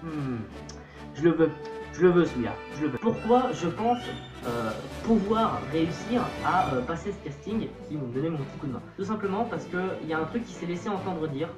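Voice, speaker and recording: In an echoey room, a chatty young adult youtuber speaks with a voice that sits high. He comes from a Portuguese-Brazilian family background and delivers a casual vlog to camera, full of playful, self-mocking irony.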